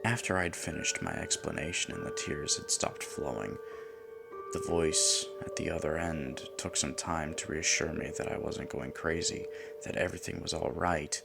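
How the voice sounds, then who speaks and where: A man with a very deep voice narrates a first-person horror story. His tone is gravelly, and his measured, hushed delivery sometimes drops into whispers. Music plays clearly underneath.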